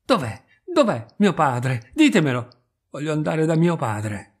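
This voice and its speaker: Man doing a young bride, frightened, pleading, high strained cries, husky tone, storybook reading. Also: huge pitch swings, a little slow, full character voice. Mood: frantic.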